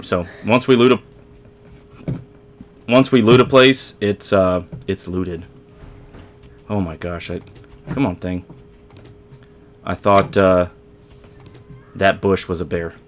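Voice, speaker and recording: A man's voice: deep voice, steady tone, takes it slowly, long pauses. A man hosting a let's play, chatting casually to viewers as he plays, rambling and correcting himself as he goes. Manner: rambling, self-correcting, talks to viewers while playing. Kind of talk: casual gameplay commentary.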